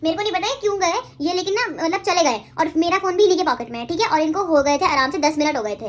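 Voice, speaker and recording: A woman vlogger in casual storytelling to camera, chatty and animated, talking straight to her viewers. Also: very high voice, fast.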